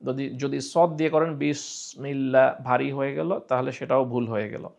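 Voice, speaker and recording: A man from Bangladesh teaching Quran recitation, explaining pronunciation and repeating sounds slowly as drills, asking and answering his own questions. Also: mid-range voice, steady tone, vocal fry, darkish tone.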